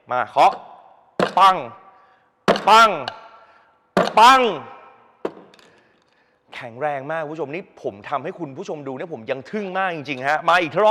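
A man's voice: high voice, a bit bright, in a large hall, a little hiss or hum. A man presenting products on a TV shopping channel, talking eagerly and constantly addressing the viewers. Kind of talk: live TV product demonstration.

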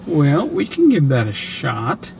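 A man hosting his own channel, narrating casually while driving, excited and chatty with lots of fillers, recorded inside a moving car on a mounted camera. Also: on the high side, takes it slowly, creaky. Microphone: camera on a suction mount. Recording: noisy car interior. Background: car road noise.

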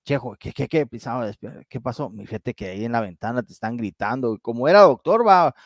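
A man's voice: mid-range voice, expressive, fairly quick, no echo, studio quality. A man with a Guatemalan Spanish accent, co-hosting a casual talk show, colloquial and swearing freely as he tells a ghost story. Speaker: co-host.

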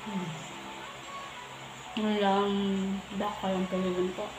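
A woman's voice: mid-range voice, takes it slowly, music in the background. Woman talking while chewing, Filipino accent. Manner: relaxed, chatty with many fillers. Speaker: mukbang vlogger. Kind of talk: casual eating vlog chat. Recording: echoey room with background noise.

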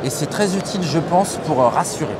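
A man in his thirties interviewing a guest at a trade show, brisk and enthusiastic, with short interjections. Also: a little high, lively intonation. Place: busy indoor trade show hall. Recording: loud crowd noise of a trade show. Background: loud trade show crowd noise.

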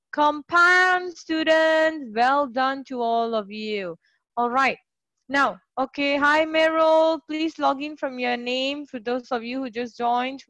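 A woman's voice: sits high, a bit bright, no room sound. A woman teaching a live online English class, cheerful and encouraging, praising her students over a computer mic.

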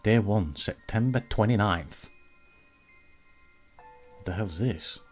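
A man's voice: lowish voice, slow pace, darkish tone, faint music behind. A man casually commenting on a horror game as he plays it, with laid-back, muttered reactions. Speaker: gaming channel host.

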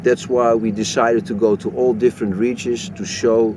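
An African expedition leader and strain hunter talks about his travels in a documentary, mixing narration with on-location talk. His medium-pitched voice is flat and at normal speed, with background noise and a music bed under it.

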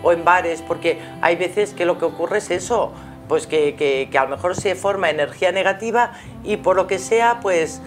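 A middle-aged Spanish-accented woman, host of a live show, lovingly advises a caller on spiritual matters and sprinkles in terms of endearment. Her low voice keeps a normal speed with few pauses. Background music accompanies her in a small TV studio with curtains.

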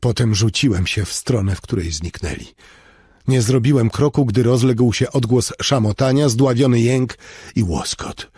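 Male narrator for an audiobook, somber and measured; slow, dry close sound. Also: sits low, a little mellow, slightly rough, dry recording. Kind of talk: scripted first-person narration.

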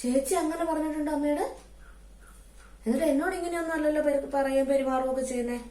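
A woman's voice: high voice, racing, mellow, reverberant, distant mic, lightly acted. Woman playing a trusting young daughter-in-law. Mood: earnest. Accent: Kannur Malayalam. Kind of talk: family comedy skit.

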